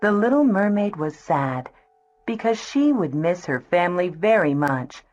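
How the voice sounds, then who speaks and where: A woman narrating a children's storybook in a slow, gentle, clear reading. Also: fairly low pitch, animated. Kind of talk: scripted storybook narration for kids. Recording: dull lo-fi with soft music.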